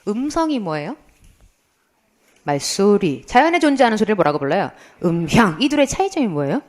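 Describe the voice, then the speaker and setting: This Korean language lecturer, a middle-aged woman, speaks in a mid-range voice at a slightly fast clip during an exam prep class. She's lively and playful, quizzing students before answering her own questions and spicing things up with imitated sounds and funny stories.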